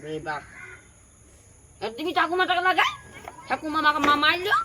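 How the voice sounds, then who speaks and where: A woman's voice: high voice, very animated, normal speed, heavy background noise. A woman with a Purulia Bengali accent playing a quarrelsome young stepmother in a village drama. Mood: scolding. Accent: Purulia Bengali dialect. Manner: sharp, scolding, quarrelsome. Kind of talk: village home drama acting.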